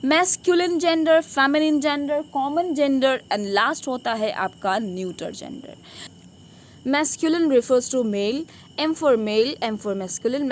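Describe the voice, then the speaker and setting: Brief: female grammar teacher, high voice, asks then answers her own questions, faint crickets behind. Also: a little hiss or hum. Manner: quizzing questions answered herself. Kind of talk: classroom lesson.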